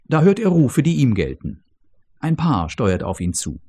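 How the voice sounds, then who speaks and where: A man reading a story aloud in an expressive, dramatic narrating style. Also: mid-range voice, measured pace, breathy edge.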